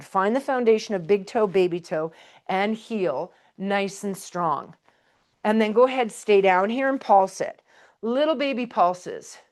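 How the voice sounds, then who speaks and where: A woman pilates instructor leading a live exercise class, calling out counts and breath cues in a chatty, encouraging way. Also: medium pitch. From Canada. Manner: chatty, laughs between cues.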